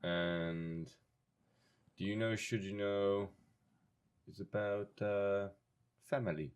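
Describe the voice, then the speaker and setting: A man co-hosting a podcast, laid-back and halting, listing topics with plenty of pauses. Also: lowish voice, fairly even intonation, clean tone. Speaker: podcast co-host. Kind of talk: casual podcast banter.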